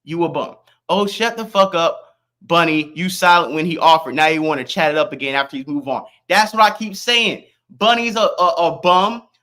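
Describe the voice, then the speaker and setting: Brash high-voiced man ranting on stream. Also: normal speed, sharp tone. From Florida. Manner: brash, confrontational, mocking. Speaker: live streamer. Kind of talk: live-stream rant to chat.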